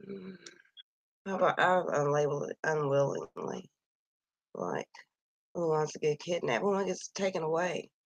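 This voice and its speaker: This woman's voice is low, gravelly and a bit husky, and it seems to be giving out on her, yet her intonation stays lively. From her home near Kansas City she offers slow, soft-spoken screen-share commentary on a missing persons list, sighing and thinking aloud into a computer mic. The sound is close and dry with no room sound, and the audio quality is poor.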